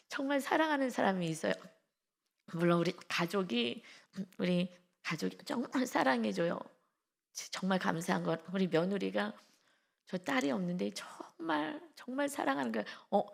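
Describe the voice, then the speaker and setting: Gravelly-voiced woman pastor preaching. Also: medium pitch, animated, normal speed. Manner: emotional storytelling with frequent laughs. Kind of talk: dawn devotional sermon.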